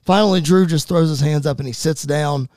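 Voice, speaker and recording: A man calling a fantasy wrestling show as play-by-play commentator, rapid-fire and rising to excited shouts at the big moments. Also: on the high side, no echo.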